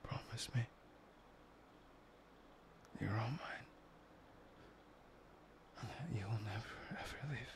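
A man voicing a possessive, obsessive young man in a whispered audio roleplay, murmuring slowly and breathily. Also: mid-range voice. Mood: adoring. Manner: murmuring, intimate, slow and breathy.

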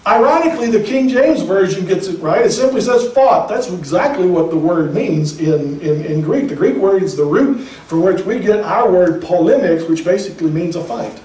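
A pastor giving a sermon with emphatic, conversational preaching and speculative asides. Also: male voice, sits high, animated, moderate pace, dark tone, echoey room, distant mic, poor audio.

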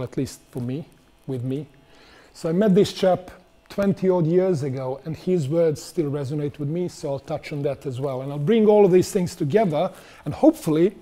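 A man's voice: a little high, warm tone. A middle-aged man giving a conversational conference talk on stage in a large auditorium, putting questions to the audience. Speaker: conference speaker.

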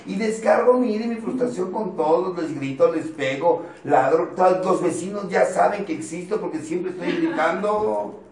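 Man, Mexican accent, support group talk, blunt and joking, slightly high voice, roomy sound from a distant mic. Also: moderate pace, darkish tone. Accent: Mexican Spanish. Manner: blunt, joking, acts out voices, swears casually. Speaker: speaker at a twelve-step support group. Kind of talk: informal motivational talk.

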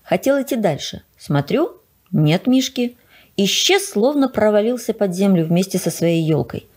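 Husky woman reading a storybook. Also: mid-range voice, moderate pace. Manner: expressive storytelling. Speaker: library reader. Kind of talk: children's story read aloud.

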